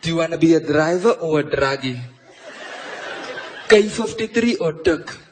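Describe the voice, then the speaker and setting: A South African man doing a stand-up comedy set, delivering punchlines deadpan and mock-confessional into a stage mic. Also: on the high side, moderate pace. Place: comedy stage before a live audience. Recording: live show with clear audience noise.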